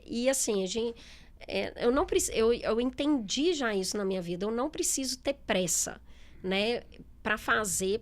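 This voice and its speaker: A middle-aged businesswoman in a relaxed interview, talking candidly with many fillers and quoted asides. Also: on the high side. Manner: chatty, candid, lots of fillers and quoted speech. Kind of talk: casual interview talk.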